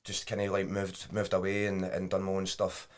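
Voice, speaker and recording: Scottish guy in his 30s, west lothian accent, low voice, rambly informal chat. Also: completely flat delivery, moderate pace. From Scotland. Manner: informal, rambling, often adds "you know". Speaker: podcast guest, drummer. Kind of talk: casual chat.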